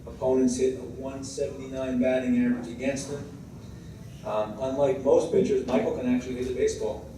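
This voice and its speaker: An American man, a head coach giving a semi-scripted tribute speech in a halting way, moving between read-out praise and informal asides. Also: medium pitch, little pitch movement, mellow. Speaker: high school baseball head coach. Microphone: distant microphone. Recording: very echoey room, distant mic, clear background noise.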